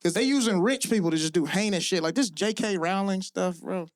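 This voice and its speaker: A man from the American South performing live stand-up comedy on a club stage, loose and profane, rising to shouts on punchlines. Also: sits high, brisk, a crowd in the background.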